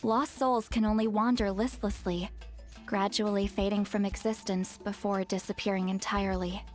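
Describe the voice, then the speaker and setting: An actress playing a composed adult woman leader in a video game, speaking with calm authority. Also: medium pitch, normal speed, faint music behind, lightly acted. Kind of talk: game voice acting.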